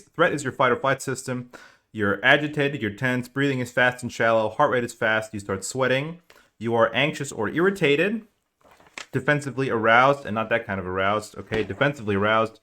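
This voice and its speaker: Man explaining casually, lowish voice. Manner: conversational, animated explaining with acted-out examples. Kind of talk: casual spoken lecture.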